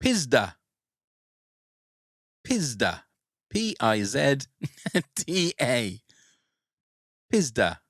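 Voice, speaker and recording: A man hosting a casual podcast quiz, playful and quick to laugh. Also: mid-range voice, huge pitch swings, a bit bright, dry recording, studio quality. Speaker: podcast host running a quiz.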